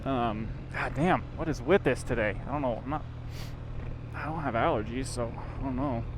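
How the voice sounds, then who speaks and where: Male moto-vlogger, medium pitch, heard inside a helmet with some vehicle noise; off-the-cuff, chatty, lightly sweary. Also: moderate pace. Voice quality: voice enclosed inside a motorcycle helmet. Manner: informal, self-interrupting, mildly sweary. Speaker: motorcycle vlogger. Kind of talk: casual rambling vlog while riding. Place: outdoors, riding a motorcycle in traffic. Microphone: microphone inside a helmet.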